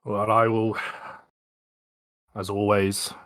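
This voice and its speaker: A man playing a tabletop game, talking in a hesitant, halting way. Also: fairly low pitch, level tone, a bit bright. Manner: hesitant, laughs often. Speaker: player. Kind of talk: casual tabletop game chat.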